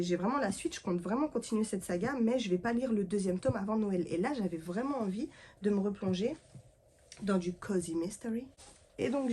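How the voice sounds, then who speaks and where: A woman chatting casually as a book vlogger, lively and full of fillers and playful asides. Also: mid-range voice, a little hiss or hum.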